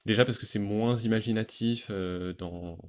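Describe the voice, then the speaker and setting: Low-voiced man in casual chat. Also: fairly even intonation, moderate pace, a little mellow. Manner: enthusiastic, hesitant with many fillers. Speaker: podcast host reviewing animated series.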